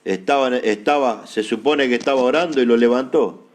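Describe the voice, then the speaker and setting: A man preaching a sermon in an Argentine accent, emphatic and repeating key phrases slowly for his listeners to note down. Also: medium pitch. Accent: Argentine Spanish. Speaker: apostle preaching.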